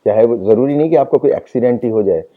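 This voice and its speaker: A man speaking as the doctor guest on a talk show, explaining calmly and repeating reassurances. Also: mid-range voice, very fast. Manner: calm advising, repeats reassurances. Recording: phone-like narrow band.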